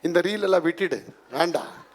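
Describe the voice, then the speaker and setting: A man's voice: sits high, moderate pace. A man preaching a charismatic sermon to a congregation, emphatic and full of rhetorical questions, slipping English phrases in.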